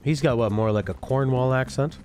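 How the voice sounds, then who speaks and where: A man's voice: mid-range voice, brisk, a little mellow, faint music behind. A man chatting casually while streaming a game, rambling and joking between plays. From outside the UK. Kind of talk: casual gameplay commentary.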